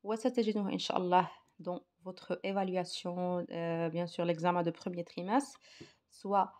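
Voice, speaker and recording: A woman's voice: fairly low pitch, fairly even intonation, fairly quick, a little mellow. A woman teaching a primary school grammar lesson, hesitant with many fillers, switching between French and Arabic to explain. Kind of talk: recorded grammar lesson for children.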